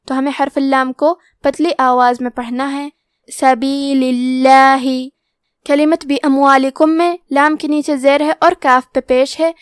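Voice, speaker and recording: A woman teaching Quran recitation rules in a calm, methodical way, then chanting the verses slowly and drawn out. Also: sits high, dry recording, clean studio sound.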